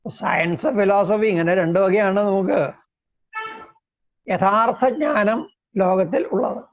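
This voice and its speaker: A man lecturing on philosophy in a slow, measured way, explaining terms step by step. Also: high voice. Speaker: lecturer on Indian logic. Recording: dull lo-fi recording.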